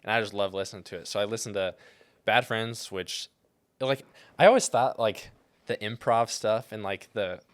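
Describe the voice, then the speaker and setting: A man with an American accent and a lowish voice chats casually as a podcast guest at normal speed. His stories ramble informally and are peppered with "like" and "dude."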